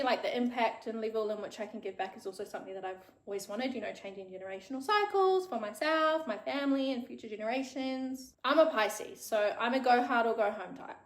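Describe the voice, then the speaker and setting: A thirty-something podcaster from New Zealand, judging by her accent, speaks frankly and casually in a solo chat, swearing freely. Her voice is on the high side, and the room is echoey.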